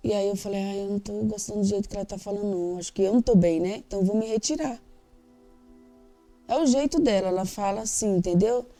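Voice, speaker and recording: A woman's voice: mid-range voice, quick pace, warm tone, faint music behind. A Brazilian Portuguese-speaking woman giving an emotional, candid personal testimony in an interview, acting out the dialogue she quotes.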